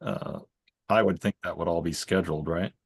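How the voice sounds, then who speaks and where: Committee member: lowish man's voice, dry and close, hesitant, restarts and repeats words, asks questions. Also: steady tone, moderate pace, creaky, slightly rough, dry recording. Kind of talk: committee meeting discussion. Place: town committee meeting room.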